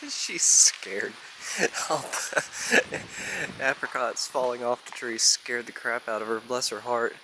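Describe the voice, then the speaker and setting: A man on a farm chatting casually and talking baby talk to his cat in a soft, doting way. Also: medium pitch, slow, background noise. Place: outdoors on a farm.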